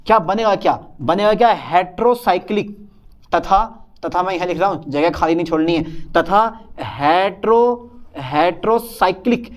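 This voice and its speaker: High-voiced man teaching chemistry. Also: a little fast. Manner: talks to students as "beta" and "sahab", answers his own questions in a student's voice. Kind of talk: whiteboard lecture.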